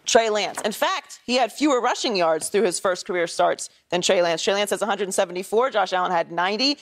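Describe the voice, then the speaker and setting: A woman's voice: medium pitch, lively intonation, a little fast. Assured woman arguing sports with stats. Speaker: sports show panelist. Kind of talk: sports debate.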